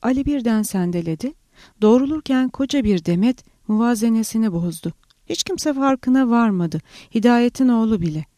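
A woman reads a work of literary criticism aloud in a measured, steady manner. Her voice is dark and mellow, recorded close and dry with no room sound. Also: a little high, no echo. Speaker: audiobook narrator. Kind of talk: scripted reading of literary criticism.

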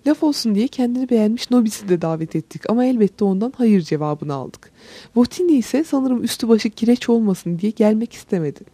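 A woman narrating a storybook in a calm, measured storytelling voice. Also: fairly high pitch, husky, dry recording. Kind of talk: audiobook narration.

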